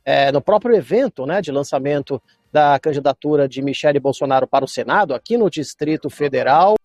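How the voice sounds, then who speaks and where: A man reporting on politics live over a remote link that keeps cutting out and stuttering, speaking haltingly with restarts. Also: a little high, lively intonation, a little mellow, no echo. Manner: halting, with repeated restarts and fillers. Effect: choppy, cutting-out connection with buffering stutters. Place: remote location outside the studio. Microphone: remote video call link.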